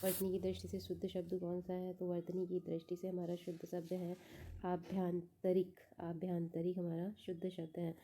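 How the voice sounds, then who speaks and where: A woman's voice: lowish voice, monotone, normal speed, warm tone. A woman teaching exam prep, going through test answers one by one, repeating each answer and thinking aloud with fillers.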